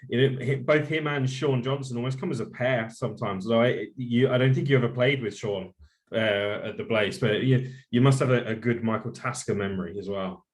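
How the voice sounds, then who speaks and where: A man's voice: mid-range voice, brisk. A man hosting a podcast, asking long, chatty questions with many fillers. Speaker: podcast host. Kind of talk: casual podcast interview.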